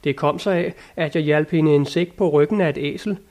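A down-to-earth squire from a storybook, blunt and folksy, as a male narrator reads him, in a fairly high voice. He answers plainly and matter-of-factly, without any grandeur. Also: darkish tone, lightly acted. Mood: dry. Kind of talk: audiobook character reading.

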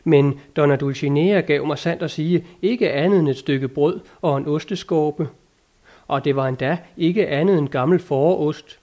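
A man's voice: a little high, mellow, natural voice. A man reading a blunt, earthy squire. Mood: dry. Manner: blunt, matter-of-fact, folksy. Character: plain, earthy male squire. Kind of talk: audiobook character reading.

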